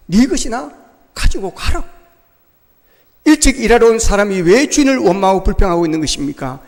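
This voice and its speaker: A man's voice: high-pitched, darkish tone, in a large hall. A male pastor preaching a sermon in a church, making his points with emphatic rhetorical questions.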